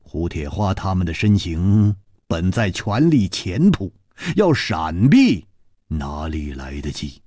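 A man narrates a martial-arts story in a husky, slightly low voice. His delivery leaps about dramatically, dropping to a hush and then flaring up. The sound is close and dry. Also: big pitch swings, slow pace, no room sound. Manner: dramatic, swinging between hushed and exclaimed phrases.

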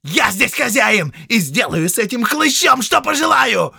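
A shrieking spoiled young count. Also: male voice, extremely high pitch, sing-song, unhurried, gravelly, pushed and bright, slightly rough, no echo, clean studio sound, voice pushed up, heavily acted. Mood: raging. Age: young adult. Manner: shrieking, ranting. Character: spoiled young count, hot-tempered and shrill.

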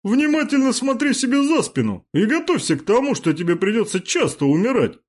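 Man doing arrogant rich young gamer, pompous, menacing, high raised voice, loud. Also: big pitch swings, a little fast, breathy edge, full character voice. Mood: furious threats. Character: arrogant rich young male game player, threatening.

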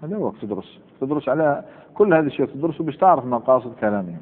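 A man's voice: mid-range voice, lively intonation, rapid-fire, breathy edge. Algerian man teaching grammar, echoey tinny lecture. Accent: Algerian Arabic. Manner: repeats examples and quizzes students. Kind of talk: classroom lecture. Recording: tinny lo-fi with long hall reverb.

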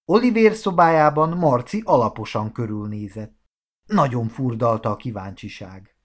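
A man narrating a children's audiobook in an expressive storytelling manner. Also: medium pitch.

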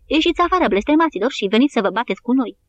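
A brash male soldier bellows his lines in a high, strained voice that sits well above the reader's own. A woman narrating the book puts him on. It is a plain audiobook turn rather than a full character performance. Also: lively intonation, dull audio, slight background noise, close to an everyday voice. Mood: shouting. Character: brash Irish soldier man, shouting.

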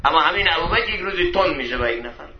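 Preacher with a roomy, dull-sounding voice. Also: male voice, lively intonation, background noise. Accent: Eastern Iranian, Khorasan. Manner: rises to loud emphatic peaks, then drops soft and low. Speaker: preacher explaining classical poetry. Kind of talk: mosque sermon, storytelling. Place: mosque hall.

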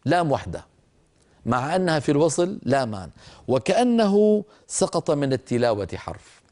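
An older man gives a Quran recitation lesson in a dark, mellow voice. He speaks patiently and speaks to his listeners directly. He slows down to stretch out single words so they can hear the sounds. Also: a little high, big pitch swings. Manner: stretches and repeats words slowly to demonstrate pronunciation.

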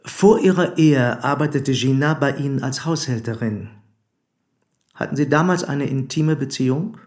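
For a German radio play, a male actor plays an insistent, probing police commissioner who speaks formally and deliberately. His medium-pitched, darkish voice stays close to an everyday one.

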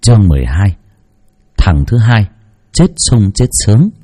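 Husky, mellow male storyteller. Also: fairly low pitch, measured pace. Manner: expressive, mocking asides. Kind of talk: scripted narration of a spooky folk story.

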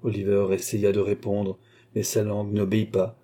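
A male reader narrates a novel aloud at a measured pace. His voice is low and very dark, with a husky edge. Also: monotone.

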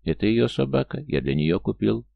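A man reading a calm, unflappable ex-con. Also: lowish voice, normal speed, gravelly, no room sound, phone-quality sound, voice pushed up. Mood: firm. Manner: calm, even replies.

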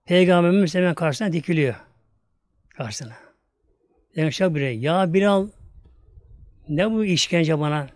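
An older man delivers a sermon as a story, his voice sitting high. He speaks slowly, with drawn-out pauses and rising emotion. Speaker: preacher. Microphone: audio recording of a talk.

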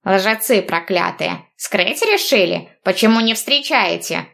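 A woman doing a gravelly grumpy old grandpa. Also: medium pitch, lively intonation, measured pace, a bit bright. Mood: grumbling. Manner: gruff grumbling.

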